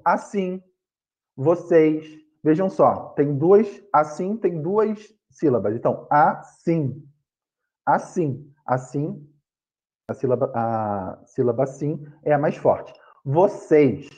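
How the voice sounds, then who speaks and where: A man's voice: a little high, dark tone, lo-fi sound. A man with a Brazilian Portuguese accent teaching an online grammar lesson over a video call, explaining patiently, repeating points and correcting himself.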